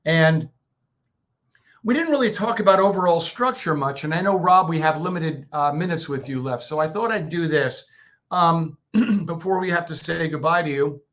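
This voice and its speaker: A man's voice: fairly high pitch, normal speed, a bit bright. A man hosting a public speaking session, teaching in a loose, conversational way full of restarts and fillers. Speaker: co-host of a speaking workshop. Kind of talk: casual instructional talk.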